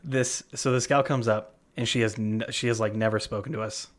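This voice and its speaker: A man's voice: on the low side, steady tone, fairly quick. A man co-hosting a podcast, telling a story in casual chat, full of fillers and restarts. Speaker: podcast co-host. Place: worked at a gym front desk.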